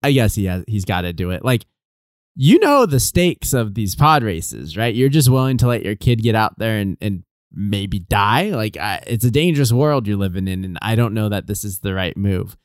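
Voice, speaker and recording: Animated sarcastic man reviewing a film. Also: fairly low pitch, normal speed, no echo, clean studio sound. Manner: animated, sarcastic, laughs often. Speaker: podcast co-host. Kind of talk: casual film review chat.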